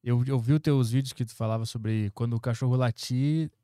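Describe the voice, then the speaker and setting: Brazilian podcast host, casual and quick, mellow voice, dry close sound. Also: male voice, mid-range voice, steady tone, smooth, no room sound. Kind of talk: casual interview chat.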